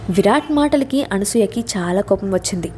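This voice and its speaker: Woman narrating a story, mellow voice. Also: mid-range voice, animated, normal speed, a little hiss or hum.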